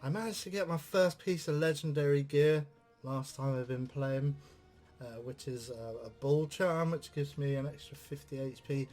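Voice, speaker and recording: A man's voice: a little high, moderate pace, a little mellow, soft background music. A man giving casual let's-play commentary on a game, rambling with lots of filler sounds. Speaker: game reviewer.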